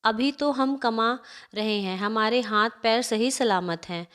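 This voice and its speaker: A woman's voice: on the high side, a little slow, fairly bright tone, clear, resonant tone. A woman voicing an older mother-in-law who wails and reproaches her son in a family story. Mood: bitter. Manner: wailing, reproachful.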